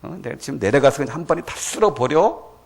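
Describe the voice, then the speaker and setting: Pastor acting out exasperated jesus muttering under his breath, low gravelly half-whisper. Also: lively intonation, quick pace, full character voice.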